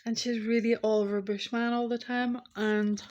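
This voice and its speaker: A woman's voice: fairly high pitch, level tone, normal speed, darkish tone, lo-fi sound. Candid woman vlogger venting at home. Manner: candid, venting, snacking while talking. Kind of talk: casual vlog chat. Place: indoors at home.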